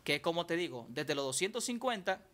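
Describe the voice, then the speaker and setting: A man's voice: fairly high pitch, very animated, a little fast, a bit bright. A man giving a casual tutorial on mixing vocals, chatty and repeating himself as he explains. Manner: chatty, repeats and restarts phrases while explaining. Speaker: music producer teaching vocal mixing.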